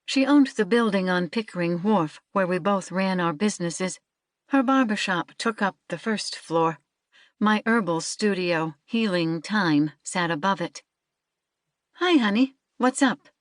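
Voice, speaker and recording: A woman narrating a novel in the first person, in a measured, steady way. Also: lowish voice, no room sound, studio quality. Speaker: audiobook narrator.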